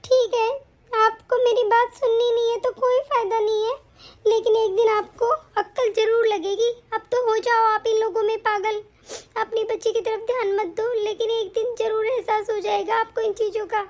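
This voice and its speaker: A woman voicing a mistreated young wife and mother in an animated story, earnest, pleading and tearful. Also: extremely high pitch, moderate pace. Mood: arguing.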